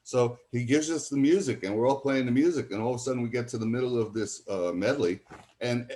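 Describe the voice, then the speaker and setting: Here the older man's voice sits in the mid-range, warm in tone and fairly quick. A guest musician from College Point, New York, he spins rambling anecdotes in a casual interview, acting out what others told him.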